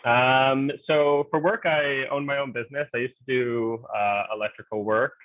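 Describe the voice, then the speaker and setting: The voice is mid-range, fairly even in intonation and at normal speed. It belongs to an Ontario-born co-host of a game fan group's casual livestream who speaks easily with many fillers, captured in dry, tinny, phone-like audio.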